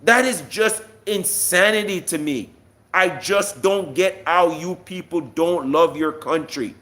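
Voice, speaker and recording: Speaking slowly in a forceful tone, this Jamaican live-stream political commentator delivers an emphatic, combative monologue to his online audience, packed with rhetorical questions. His voice sits on the high side and sounds bright.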